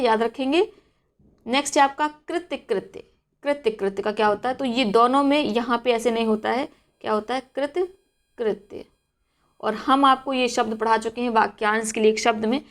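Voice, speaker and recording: A woman teaching exam students, asking questions and then answering them herself as she drills each word. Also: on the high side. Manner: repeats questions and drills words aloud. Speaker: Hindi exam-prep teacher. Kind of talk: spelling lesson for exam students.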